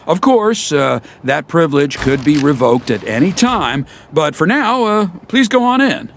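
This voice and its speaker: A man's voice: a little high, big pitch swings, a little slow, gravelly, slight background noise, full character voice. An actor playing a flustered, officious male secretary in a video game, speaking formally with hesitant stammers. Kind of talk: video game character dialogue.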